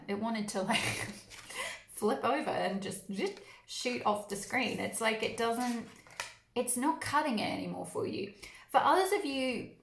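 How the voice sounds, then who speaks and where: A woman's voice: mid-range voice, creaky. A woman from New Zealand with a New Zealand accent, giving a casual, rambling tarot reading with many fillers and restarts. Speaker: tarot reader. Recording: roomy echo.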